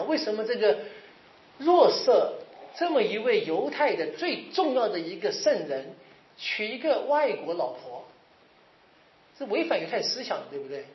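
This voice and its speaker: A man's voice: high voice, a little hiss or hum. Man lecturing on scripture in a roomy hall. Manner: conversational, often checks in with the audience with rhetorical questions; ends phrases with drawn-out particles. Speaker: Bible lecturer. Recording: roomy, slightly dull recording.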